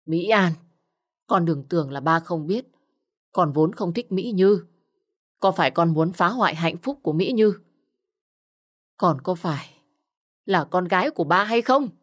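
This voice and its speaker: A woman's voice: on the low side, expressive, unhurried, long pauses. A woman voicing a stern older father who scolds his daughters harshly in a spoken story.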